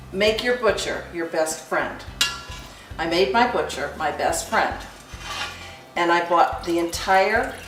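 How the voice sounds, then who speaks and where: A woman hosting a cooking demonstration, explaining each step in a chatty, unhurried way. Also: fairly low pitch, fairly bright tone, distant mic. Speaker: cooking host. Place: kitchen. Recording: echoey kitchen, from afar, light music.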